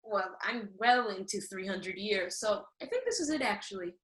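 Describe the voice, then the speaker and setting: A woman's voice: mid-range voice, animated, normal speed, fairly bright tone, lightly acted. A woman playing a feisty, anxious fairy-tale little girl in a comedic radio play, flustered, defensive and sarcastic. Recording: roomy, echoing sound.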